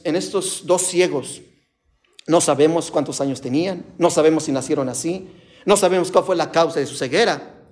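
A man with a high voice delivers an emphatic sermon. He keeps calling his listeners brothers, surging loud on key phrases and then dropping soft. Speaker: preacher.

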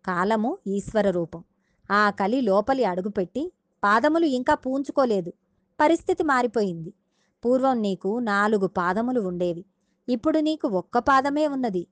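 Sorrowful mother cow who is the Earth, a woman voicing her in a fairly high voice, patient, dry close sound. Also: no echo, close to an everyday voice.

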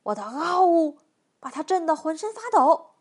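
A woman's voice: sits high, big pitch swings, normal speed. A woman reading a storybook voices a stubborn, boastful male bear.

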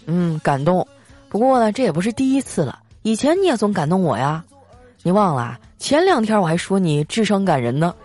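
A woman's voice: fairly low pitch, sing-song, a little fast, darkish tone, faint music behind. A woman voicing her playful, wisecracking older brother in a comic monologue. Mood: teasing. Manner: teasing, wisecracking.

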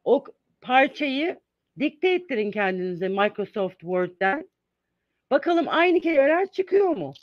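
Earnest Turkish teacher explaining, dull dry sound. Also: male voice, very high-pitched, dry recording. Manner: earnest, explanatory, with many "ee" fillers. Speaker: English teacher guest. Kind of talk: interview answers, explaining. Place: lives in the United States.

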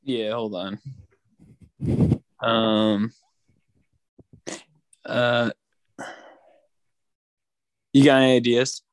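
A man chiming in playfully on a sports podcast. His voice sits at an ordinary pitch and sounds dry, with no room around it. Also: steady tone, extremely slow, pauses often, no echo, rough recording. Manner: playful, joking.

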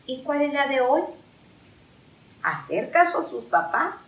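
A woman telling a fairy tale to children, lively and emphatic, repeating words for drama. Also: high-pitched, measured pace. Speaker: storyteller. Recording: echoey room, distant mic.

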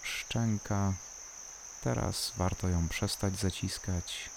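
A calm, soothing voice guiding a body-scan relaxation, unhurried and leaving long pauses between short instructions. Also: sits low, creaky, background noise. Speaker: guided relaxation narrator. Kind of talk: slow guided body-scan meditation.

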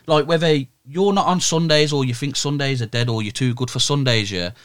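A man's voice: medium pitch, brisk, no room sound. British roadman talking in a dry close recording. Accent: British urban roadman slang accent. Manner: roadman slang, emphatic, repeated "bruv" and "innit". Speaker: Sunday league football team manager, interview guest. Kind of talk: casual, animated chat.

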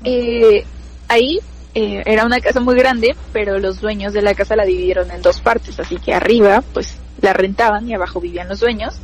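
A woman's voice: medium pitch, steady tone, moderate pace, poor audio. A woman chatting casually, recalling personal memories in a thoughtful way. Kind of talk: casual storytelling chat.

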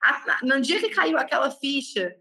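A woman, a tarot reader and mentor, talking in a casual, expressive and animated way, with emphatic exclamations. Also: sits high, normal speed, vocal fry. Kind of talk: casual conversation.

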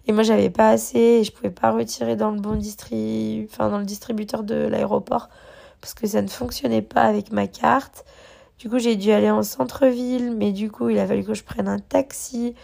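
A young woman vlogs her travel day as a casual diary, rambling with lots of fillers and restarts and coughing slightly because she's a bit sick. Her voice is fairly high, gravelly, and dark, with little pitch movement, at a normal speed.

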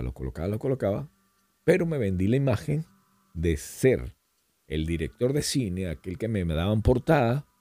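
Un hombre invitado a un pódcast, que cuenta historias de forma animada y coloquial, con muchas frases que se reinician. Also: male voice, on the low side, breathy edge, no room sound. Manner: animated, rambling storyteller with frequent restarts; colloquial, addresses host as "hermano". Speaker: podcast guest. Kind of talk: casual storytelling chat.

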